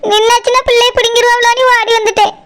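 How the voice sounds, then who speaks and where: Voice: very high-pitched, level tone, fast, a bit bright. A voice actor playing a young village wife with a Tirunelveli Tamil accent, complaining and pleading to her mother. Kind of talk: cartoon voice acting.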